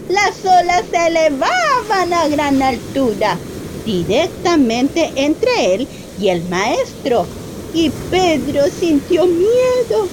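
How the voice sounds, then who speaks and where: Slow, expressive woman reading a story. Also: very high-pitched, noisy background. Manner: expressive, slow, questions the child. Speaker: storyteller to a child. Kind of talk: reading a Bible story aloud to a child.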